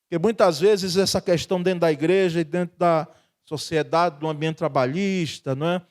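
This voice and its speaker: High-voiced Brazilian pastor preaching. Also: male voice, a little mellow, clear, resonant tone. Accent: Brazilian Portuguese. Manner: conversational preaching, tag questions, chuckles. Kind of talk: sermon. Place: church.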